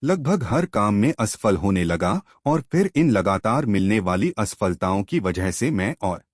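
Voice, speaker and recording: A man playing earnest young prince, storybook telling, husky low voice, lots of lilt. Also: very animated, unhurried, no room sound, clean studio sound. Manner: earnest confession. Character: young male prince, humbled and newly calm.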